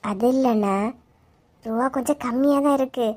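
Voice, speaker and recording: A woman's voice: on the high side, moderate pace, darkish tone, pitched below the performer's own voice, natural voice. A woman with a Kanyakumari Tamil accent voicing a hesitant village woman short of money, speaking meekly in a comic cartoon. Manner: meek, hesitant.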